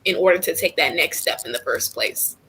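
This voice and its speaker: A woman of twenty speaking as a guest in a composed, measured way. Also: fairly low pitch, fairly bright tone, rough recording.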